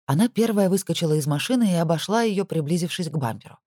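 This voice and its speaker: An audiobook narrator telling the story in a mid-pitched voice with lively, swinging intonation. The recording is dry and close, with no room echo. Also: quick pace.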